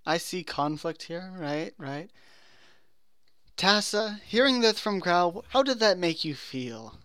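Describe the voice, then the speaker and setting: A man playing a stern male therapist in a put-on British accent, asking formal, measured questions. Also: sits high, expressive, bright, forceful tone, clear, resonant tone, dry recording, pitched above the performer's own voice, exaggerated voice. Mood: probing.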